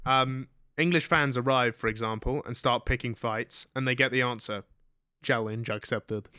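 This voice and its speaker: A man's voice: medium pitch, fairly even intonation, moderate pace, sharp tone, clean tone, dry recording, studio quality. A young man co-hosting a comedy radio-style podcast, reading news items and adding sarcastic jokes. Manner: joking, reads news items with sarcastic asides. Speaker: co-host. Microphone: studio microphone.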